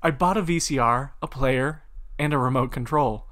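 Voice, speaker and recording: A man's voice: mid-range voice, normal speed, a bit bright. A man reading computer-written stories aloud at his desk, amused and laughing between lines. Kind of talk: casual reading with commentary.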